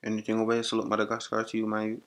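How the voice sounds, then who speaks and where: A man's voice: on the low side, monotone, racing, close to an everyday voice. Brash young Jamaican guy, put on by a man, heavy patois, teasing and blunt. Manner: teasing, repeats questions, blunt. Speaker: vlogger chatting with strangers on a voice app. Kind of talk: put-on accent prank chat.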